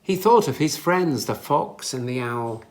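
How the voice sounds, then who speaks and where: For an audience of young listeners, a medium-pitched storyteller reads a scripted story a little slowly, shaping each line with care and expression.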